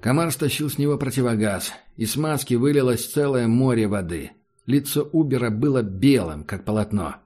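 A man narrating an audiobook in a steady, dramatic storytelling manner. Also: mid-range voice, moderate pace. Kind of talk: scripted narration.

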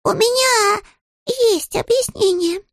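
A polite, earnest little bear cub from a storybook speaks in a very high voice that leaps all over, as a woman puts him on. The voice has a gravelly edge and a close, dry sound. He is patient even when misunderstood. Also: unhurried, no echo, exaggerated voice. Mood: apologetic.

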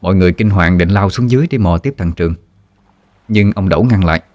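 Deep-voiced man telling a ghost story. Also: quick pace, a little mellow, dry recording. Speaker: narrator.

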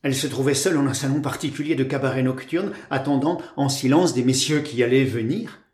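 A man narrating a classic story in a measured literary reading. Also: medium pitch, darkish tone, roomy sound. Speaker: audiobook narrator. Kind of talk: scripted narration.

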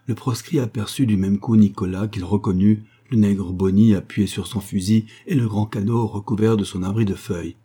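A man narrating an adventure audiobook with a steady, dramatic reading. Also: fairly low pitch, moderate pace, hardly any pauses, breathy edge.

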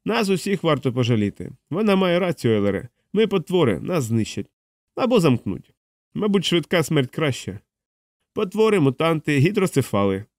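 A man's voice: on the high side, big pitch swings, normal speed, no room sound, clean studio sound, pitched above the performer's own voice. A man reading an audiobook, voicing a grim, ironic male crewman who has been mutated by radiation. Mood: bitter. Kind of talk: audiobook character voice.

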